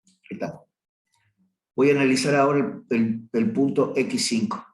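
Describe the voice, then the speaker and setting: A man's voice: mid-range voice, steady tone, moderate pace. A man teaches a math review class in a plain middle register. He talks his way through a graph and keeps stopping to correct himself. His voice rings in a roomy, echoey space. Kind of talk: review class lecture on limits. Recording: roomy echo.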